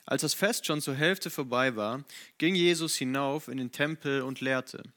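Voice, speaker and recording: A man reading scripture aloud in a steady voice, now and then correcting himself. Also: mid-range voice, normal speed. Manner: steady, with occasional self-corrections. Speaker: Bible reader.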